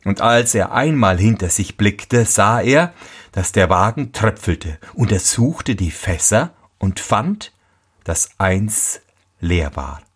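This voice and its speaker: A male storyteller reading a fairy tale aloud at a slow, unhurried pace. His voice is soft and a little breathy, with a very lively, rising and falling melody. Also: lowish voice.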